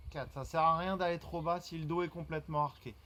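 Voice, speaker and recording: A man's voice: fairly high pitch, fast talker, noisy background. Man guiding a workout, rhythmic cues. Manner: counts breaths and repeats cues in a calm rhythm. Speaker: fitness instructor. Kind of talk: guided workout instruction.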